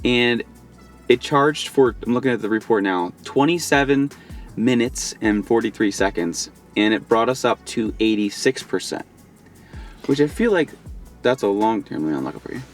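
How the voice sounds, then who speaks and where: A man's voice: mid-range voice, normal speed, soft background music. Easygoing Southern man in a car. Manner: relaxed, chatty, thinks aloud. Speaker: vlogger driving an electric car. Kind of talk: casual road trip vlog chat. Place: inside a car.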